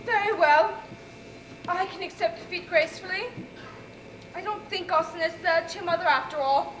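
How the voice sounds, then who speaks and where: A young woman playing shrill jealous Sybil. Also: moderate pace, a bit bright. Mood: melodramatic. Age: young adult. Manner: melodramatic, high-strung. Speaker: school stage actor. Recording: roomy stage audio with audience and noise.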